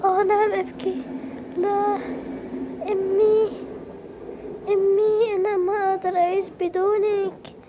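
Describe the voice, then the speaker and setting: Lost, tearful little girl, voiced by a woman for a game story; very high, soft voice, pleading and weepy. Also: flat delivery, normal speed, noisy background. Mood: sad. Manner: weepy, pleading calls for her mother. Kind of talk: Roblox story role-play voicing.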